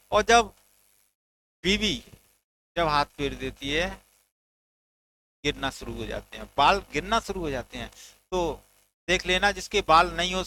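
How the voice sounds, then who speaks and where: Bright playful man teaching memory tricks. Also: sits high, low-quality recording. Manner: playful storytelling with mnemonic jokes, acted dialogue. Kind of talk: memory-trick general knowledge lesson.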